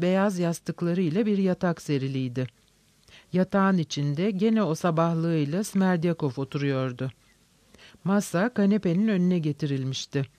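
Higher-voiced man reading a novel. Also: a little mellow, no room sound. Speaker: narrator. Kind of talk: audiobook narration of a novel.

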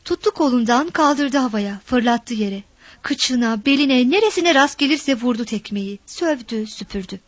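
A woman reading a story aloud with expressive, dramatic narration. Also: on the high side, measured pace, no echo.

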